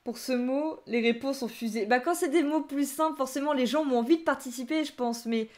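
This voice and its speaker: A woman's voice: sits high, brisk. A young woman teaching Japanese vocabulary on a live stream, reading out and reacting to chat answers with frequent laughter. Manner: lively, laughs often, reads chat answers aloud.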